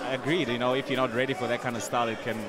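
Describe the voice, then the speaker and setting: A man's voice: mid-range voice, level tone, racing. A man giving casual, technical live fight commentary as an analyst. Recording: loud crowd noise behind. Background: loud arena crowd.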